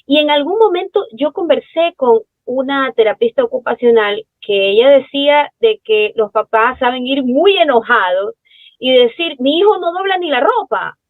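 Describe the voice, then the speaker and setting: A woman hosts, putting questions in a chatty way and adding asides. Her voice is a little high. It comes through a thin, phone-like line with no room sound. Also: no room sound. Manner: conversational, poses questions with asides. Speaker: host. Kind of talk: interview hosting.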